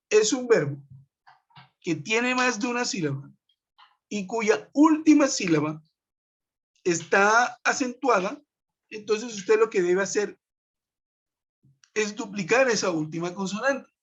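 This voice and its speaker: Speaking slowly with long pauses, a man with a high, slightly bright voice and lively intonation explains English grammar in an online class. He patiently covers every rule step by step and checks in with students, recorded on a web conference computer mic with dull, lo-fi sound.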